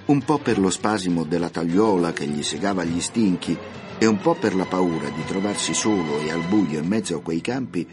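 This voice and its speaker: A man narrating a classic children's story for radio, reading in a measured, expressive way. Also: sits low, music in the background.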